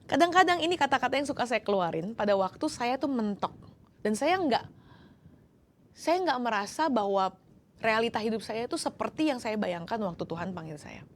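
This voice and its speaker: A woman pastor delivers a sermon in a high, ringing voice. She is expressive and dramatic, slipping into the voices of the people in her story and sprinkling English words through her talk. A faint rumble sits under the recording. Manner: expressive preaching, mixing English words into Indonesian; acts out voices of the prophet and others. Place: church.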